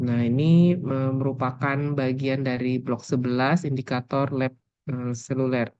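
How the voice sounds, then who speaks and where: A woman lecturer with a sore throat and a hoarse voice, explaining a lab session, with many pauses and fillers. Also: a bass voice, steady tone, mellow, no echo. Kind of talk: lab course briefing. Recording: dull, dry, muffled lecture audio.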